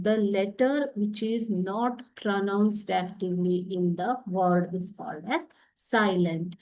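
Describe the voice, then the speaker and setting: Quick-talking woman with a Kannada accent. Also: medium pitch. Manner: clear, patient, stresses words one by one. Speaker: teacher. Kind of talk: classroom lesson explanation.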